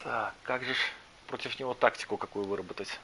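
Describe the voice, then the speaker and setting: A man's voice: medium pitch, fairly even intonation, quick pace, noisy background. A man talking casually as he plays a game and comments on his matches, with music behind him. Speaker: gamer commenting on own matches. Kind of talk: casual gaming chat. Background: fighting game music.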